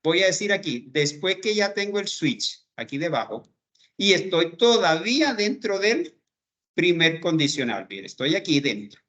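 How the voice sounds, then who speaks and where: A man's voice: high-pitched, big pitch swings, fairly bright tone. A man teaching a programming class, talking through code step by step and checking in with his students as he goes. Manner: slow, step-by-step explaining, checks in with "¿verdad?". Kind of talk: screen-recorded coding lesson.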